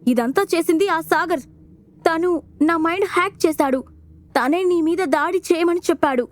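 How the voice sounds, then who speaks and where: A woman's voice: fairly high pitch, normal speed, warm tone, natural voice. A woman voicing an anxious, distrustful man who accuses others, in an audio storybook. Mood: flustered. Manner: flustered, accusing.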